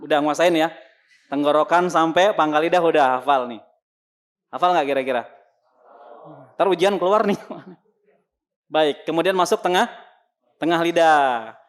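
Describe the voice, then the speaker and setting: A man's voice: fairly high pitch, moderate pace, long pauses. A man teaching a congregation how Arabic letters are pronounced, asking questions and answering them himself, then sounding the letters out. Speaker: Quran recitation teacher. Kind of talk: lesson to a congregation.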